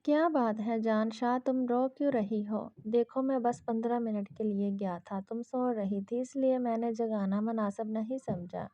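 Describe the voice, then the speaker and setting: A woman voicing a devoted young husband who soothes and teases his wife gently, in a dull lo-fi recording. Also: a little high, few pauses, dry recording, natural voice. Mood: soothing. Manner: tender, coaxing, playful teasing.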